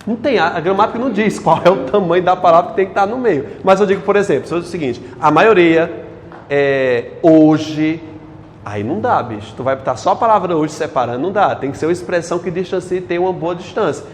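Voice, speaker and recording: A man's voice: sits high, expressive, fast, big-room sound, slight background noise. A male teacher lectures a class on grammar, quizzing the students with questions as he goes.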